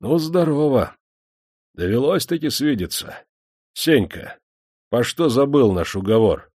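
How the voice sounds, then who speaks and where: A man's voice: medium pitch, lively intonation, measured pace, a little mellow, pitched above the performer's own voice. A man voicing a cruel, stern male master who threatens chained prisoners with a harsh, commanding voice.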